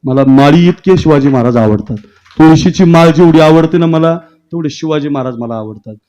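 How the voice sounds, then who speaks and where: A man from Maharashtra preaching a devotional kirtan sermon at a temple gathering, telling stories dramatically and building to fervent shouted calls to the crowd. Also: fairly high pitch, moderate pace. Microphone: handheld stage microphone.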